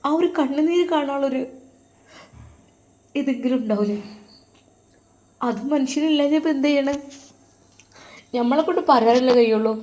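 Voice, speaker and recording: A caring elder sister-in-law, as a woman storyteller puts her on, speaks with a Malappuram accent. Her voice sits a little high, and her talk is pleading and tearful. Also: dark tone, close to an everyday voice. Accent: Malappuram Malayalam.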